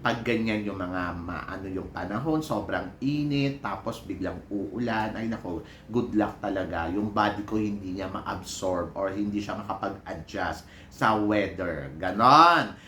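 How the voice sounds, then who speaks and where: A man's voice: sits low, a little slow, a little hiss or hum. Stuffy-nosed man chatting campily in a roomy space. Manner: playful, campy and gossipy, teasing asides. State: stuffy and nasal from a cold. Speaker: vlogger and PE teacher. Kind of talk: casual chatty vlog. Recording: roomy echoey room with faint ambience.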